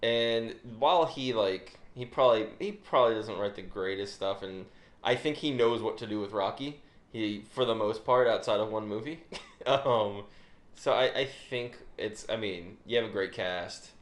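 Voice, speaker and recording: A man's voice: on the low side, moderate pace, echoey room. A man co-hosting a casual film chat who rambles and restarts his sentences, staying upbeat. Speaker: podcast co-host.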